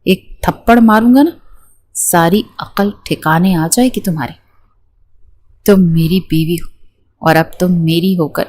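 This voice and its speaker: A woman's voice: fairly low pitch, darkish tone, natural voice. A woman voicing a bossy young groom in a romance novel reading, teasing and scolding his bride.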